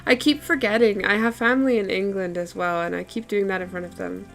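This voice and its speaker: This Afrikaans-speaking artist talks a little fast in a medium-pitched, creaky, fairly bright voice with fairly even intonation while she draws on stream. Soft music plays behind her, the audio is poor, and her casual chat is full of laughter and fillers such as "like".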